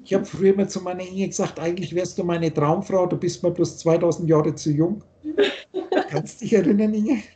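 A man's voice: high-pitched, steady tone, a little fast, dark tone. An older man from Austria, lecturing at length as a spiritual teacher over a video call, rambling and insistent, often restarting his sentences.

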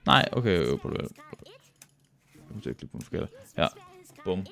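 A young man with a Danish accent, commentating a speedrun live, excitable and joking with frequent swearing. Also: deep voice, vocal fry, faint music behind. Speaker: streamer.

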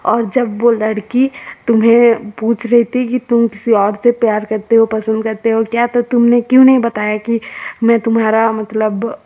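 A woman's voice: a little high, level tone, moderate pace, close to an everyday voice. A woman voicing a devoted, heartsick young man who pleads earnestly with his best friend. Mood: hurt, questioning. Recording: tinny phone-like audio.

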